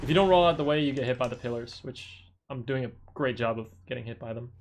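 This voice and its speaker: Over background music, a man talks fast at medium pitch, explaining a speedrun tutorial. He's a speedrunner streamer who sounds tired, rambling casually, chatting away and self-correcting as he goes.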